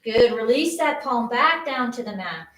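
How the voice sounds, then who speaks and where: Coaching each pose in a live movement class, a middle-aged woman teaching yoga stays encouraging and chatty while slightly out of breath. Her voice is highish, animated and a bit bright, at a measured pace. The echoey room and off-mic placement make her sound distant.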